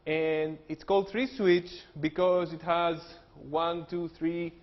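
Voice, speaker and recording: In a lecture hall that gives the lo-fi, dull recording a long reverb, a Greek engineering professor speaks slowly in a fairly high voice with little pitch movement. His technical talk is explanatory and jokey, and he leans on "uh" a lot.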